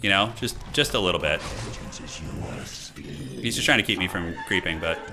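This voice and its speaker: A man's voice: low voice, moderate pace, background noise. A man giving casual, slangy live commentary on his own game, talking through his moves with some mild swearing. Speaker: gaming streamer commentating own match.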